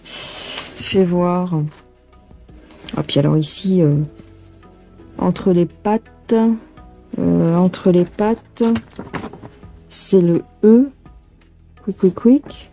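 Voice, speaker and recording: A woman's voice: lowish voice, steady tone, extremely slow, vocal fry, pauses often, dark tone, soft background music. A woman casually explaining cross-stitch while she works, chatting and thinking aloud to the viewer. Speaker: cross-stitch tutorial host. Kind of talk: casual hands-on embroidery tutorial. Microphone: phone filming her hands.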